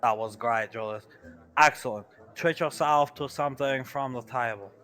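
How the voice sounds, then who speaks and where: A man's voice: medium pitch, normal speed, bright, forceful tone, natural voice. A man voicing an effusive male film director who heaps praise on his actors in clipped, broken grammar. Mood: gushing.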